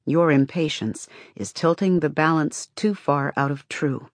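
A woman's voice: low-pitched, a little slow, dry recording, studio quality. A woman reading scripted fiction as an audiobook narrator, with dramatic delivery.

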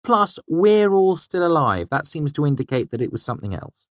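A man reading an audiobook, voicing a quick, mischievous young male companion who speaks urgently. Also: fairly high pitch, very animated, no room sound, pitched above the performer's own voice. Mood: matter-of-fact. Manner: quick, urgent, hissing when secretive.

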